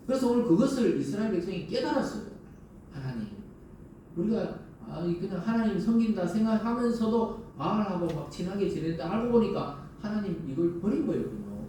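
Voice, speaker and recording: Pastor preaching in an echoey hall. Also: male voice, high-pitched, mellow. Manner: conversational preaching with rhetorical questions to the congregation. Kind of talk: sermon. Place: large church sanctuary. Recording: very echoey church hall, voice from a distance, faint hum.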